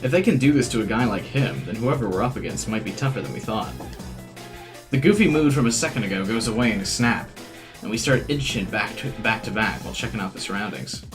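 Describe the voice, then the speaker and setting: Man, casual game commentary, reading story text aloud, lively pitch, music in background. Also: quick pace. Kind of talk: casual playthrough commentary with read-aloud narration.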